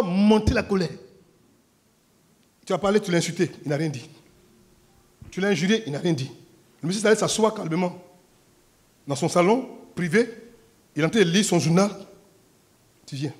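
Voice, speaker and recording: A man's voice: sits high, a little fast, pauses often. A man preaching a sermon, telling stories animatedly and acting out scenes. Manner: animated storytelling, acts out scenes, laughs along. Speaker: pastor.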